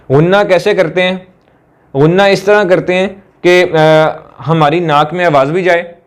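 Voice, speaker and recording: A man with a fairly high voice gives a recitation lesson. He explains each rule, then stretches the examples out slowly and repeats syllables. Short hesitations break up his explanations. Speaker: Quran recitation teacher. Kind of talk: slow classroom explanation with drawn-out recited examples.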